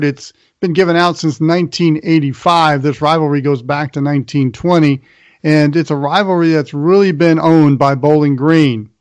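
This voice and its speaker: A fairly high-pitched male host works through college football news and previews on an American sports radio show, partly narrating from a script. The lo-fi recording carries no echo.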